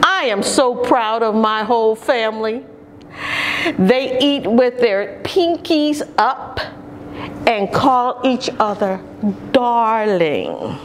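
A middle-aged woman reads a picture book aloud to young children, expressively and deliberately, drawing out key words, recorded indoors from a camera. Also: a little high, expressive, noisy background. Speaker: storytime reader for young children. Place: large carpeted indoor lobby or lounge.

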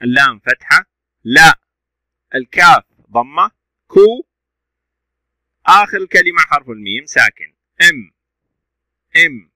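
A man's voice: a little high, lively intonation, measured pace, pauses often, bright, forceful tone, no echo, low-quality recording. A male teacher giving a reading lesson to young pupils, sounding out syllables letter by letter and praising the children's answers.

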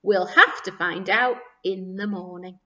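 A woman voicing a gentle grown man at home, speaking softly and calmly. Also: mid-range voice, measured pace, voice pushed down. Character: gentle adult man, homeowner. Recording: dull recording from a distance.

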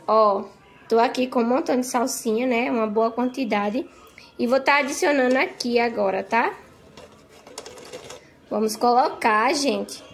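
This is casual cooking narration: a home cook vlogger talks viewers through a recipe in her kitchen, checking in with them often and adding "tá?" and "gente" as she goes. Her voice sits on the high side, unhurried, with frequent pauses.

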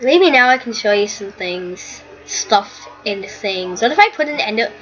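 Young female gaming vlogger, high voice, unhurried, rambly, dull lo-fi mic. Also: animated, a bit bright, faint music behind. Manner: rambling, easily startled, chatty. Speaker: gaming YouTuber. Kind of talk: casual gameplay commentary.

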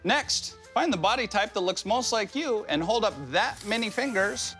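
Male ad spokesman, deadpan and blunt, lively pitch, light music bed. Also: moderate pace. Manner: blunt, deadpan direct address. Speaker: actor in a health ad playing a doctor. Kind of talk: comic scripted ad.

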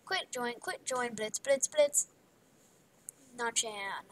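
High-voiced woman whispering through gameplay. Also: takes it slowly, slight background noise, poor audio. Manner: playful, rambling, drops into whispers. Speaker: gaming video creator. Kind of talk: casual gameplay commentary.

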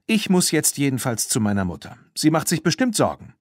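A fierce, outspoken young girl, put on by a man reading an audiobook speaks in a high, snappy voice that jumps around. The recording is close and very dry. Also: sing-song, fairly quick, dry recording. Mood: indignant. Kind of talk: audiobook character voice.

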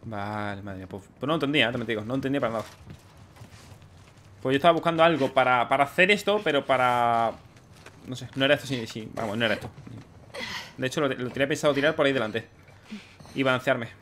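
A man's voice: mid-range voice, a bit bright, slight background noise. A man, chatty and swearing as he commentates his gameplay. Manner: chatty, quick, swears and cheers at the game. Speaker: gameplay host. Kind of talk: let's play commentary.

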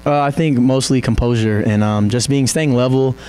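A young man, a college basketball player, answering postgame questions in a soft, halting way with many ums. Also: medium pitch, clean tone. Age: young adult. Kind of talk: postgame interview. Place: press backdrop indoors. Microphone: handheld mic held by interviewer.

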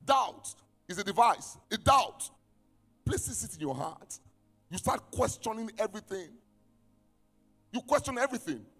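A male pastor preaches in a high, animated voice, reading scripture aloud and pressing his congregation with questions. He swings from shouted lines down to hushed near-whispers. The sound carries a long church-hall reverb with faint music behind. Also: unhurried, long pauses. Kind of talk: preaching a sermon.

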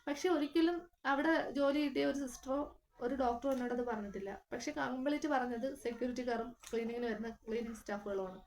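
Young woman vlogger, high voice, earnest, emotional storytelling; faint noise behind. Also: fairly even intonation, brisk, darkish tone. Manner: earnest, emotional retelling with many fillers. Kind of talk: casual personal storytelling.

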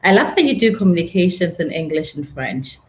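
A woman's voice: lowish voice, big pitch swings, a little fast, slight background noise. A woman hosting a casual video-call interview, speaking in an effusive, praising way. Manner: effusive, praising, laughs often. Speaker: interview host. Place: indoor office with a frosted glass wall.

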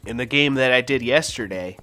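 A man's voice: medium pitch, fairly quick, bright, forceful tone, soft background music. A man hosting his gaming channel with casual commentary, stuffed up and with a sore throat, swearing freely.

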